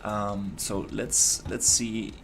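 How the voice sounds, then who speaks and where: Speaking extremely slowly, a man from Costa Rica narrates a casual live stream of his game development, full of fillers and restarts as he thinks aloud. His pitch sits fairly low with a flat delivery, though his tone is fairly bright.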